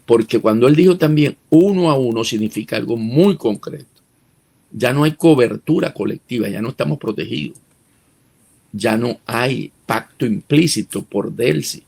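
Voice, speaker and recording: Male analyst, gravelly husky voice, emphatic interview commentary. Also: mid-range voice, lively intonation, normal speed, darkish tone. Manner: emphatic, rhetorical questions, restarts words. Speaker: political analyst guest.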